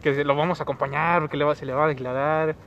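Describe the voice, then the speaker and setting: A young Mexican man with a high voice chats casually with friends on a podcast. He is playful and acts out the quotes in his stories. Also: fairly even intonation, fast talker, gravelly, lo-fi sound, a little hiss or hum. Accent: Mexican Spanish. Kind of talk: casual chat among friends.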